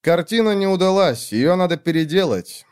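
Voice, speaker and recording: A man's voice: high voice, expressive, normal speed, a little mellow, smooth, voice pushed up. A man voicing an irritable young painter, the older brother, snapping in tense outbursts. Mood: irritated, angry.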